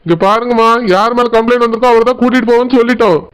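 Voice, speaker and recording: Cartoon cop, stern and threatening, rapid and squeaky-high, voiced by a man. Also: fairly even intonation, clean tone. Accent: Tirunelveli Tamil. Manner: firm, threatening. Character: stern brisk village policeman.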